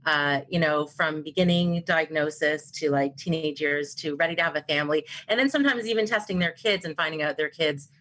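A woman's voice: low voice, fairly quick, hardly any pauses, a bit bright, rough recording. A woman in her forties, a genetic counselor guest, talking reflectively in a casual podcast interview. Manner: reflective, storytelling.

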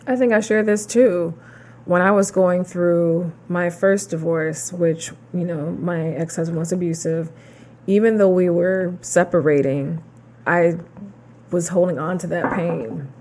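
Woman podcast co-host, lower voice, reflective and encouraging. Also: steady tone, a little slow, darkish tone. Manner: reflective and encouraging, affirming with mm-hmms. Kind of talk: casual chat.

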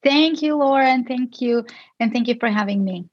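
In this casual interview, the guest is a Portuguese psychologist whose voice sits a little high and moves at normal speed. She answers thoughtfully, frequently restarting sentences, and the audio is dull without any echo.

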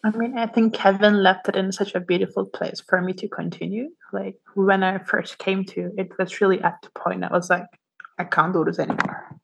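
A woman's voice: mid-range voice, little pitch movement, normal speed, creaky, slightly rough, rough recording. A woman speaking as a podcast guest, telling her own experience in a candid, reflective chat with easy laughs. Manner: warm, candid, laughs easily.

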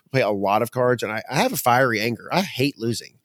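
A man chatting casually as a podcast co-host, earnest and reflective. He talks quickly, and the sound is dry and close with no room around it. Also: mid-range voice, no room sound. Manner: earnest, animated when retelling frustration. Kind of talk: casual chat.

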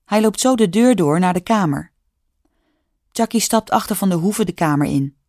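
A woman with a Dutch accent reading a children's story aloud in a calm, clear storytelling manner. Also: mid-range voice, normal speed, dry recording. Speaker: narrator. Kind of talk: scripted storybook narration.

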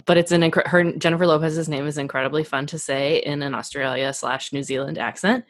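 A woman co-hosting a casual podcast, answering with dry, deadpan remarks. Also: low-pitched, fairly quick, no room sound. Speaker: podcast co-host.

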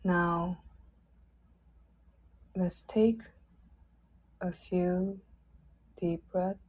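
A woman leading a guided loving-kindness meditation in a soft, gentle, drawn-out way. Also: on the low side, breathy edge, poor audio.

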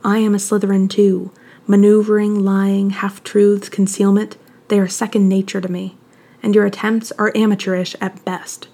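A woman's voice: mid-range voice, level tone, moderate pace, dark tone, close to an everyday voice. Woman reading as a purring, menacing schoolmaster. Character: cold sneering male schoolmaster, menacing and sly. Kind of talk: fan fiction audiobook reading.

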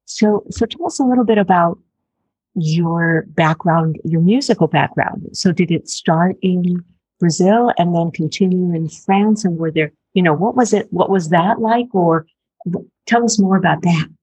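A woman's voice: fairly low pitch, unhurried, darkish tone, slightly rough, no room sound, low-quality recording. A woman interviewer who rephrases her questions several times as she asks them.

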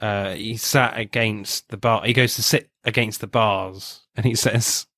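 A man co-hosting a casual film review chat, relaxed and laughing often, with plenty of fillers. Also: lowish voice, unhurried, dry recording, clean studio sound. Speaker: film review podcast co-host.

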